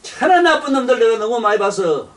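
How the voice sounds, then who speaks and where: A man's voice: very high voice, sing-song, fairly quick, recorded from a distance. An older man giving a blunt, rambling sermon, swearing and repeating himself. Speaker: preacher.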